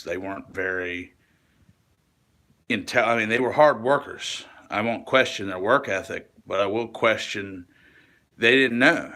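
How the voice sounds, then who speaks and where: Man, low pitch, tense forceful tone, rambling monologue to camera, halting restarts, casual swearing, earnest.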